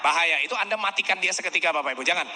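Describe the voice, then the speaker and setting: A man's voice: fairly high pitch, very fast, sharp tone, in a large hall. A man giving a sales training seminar, acting out customer dialogues and often asking the audience to agree. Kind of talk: seminar lecture.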